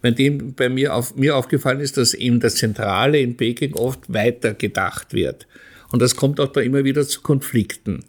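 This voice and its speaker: A man hosting a podcast interview, calmly laying out his points before asking a question. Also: medium pitch, normal speed.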